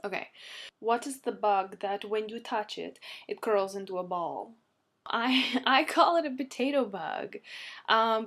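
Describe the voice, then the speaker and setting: A young Canadian woman in casual vlog chat, rambling and giggling as she pokes fun at herself. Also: a little high. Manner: rambling, giggly, self-deprecating. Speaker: vlogger.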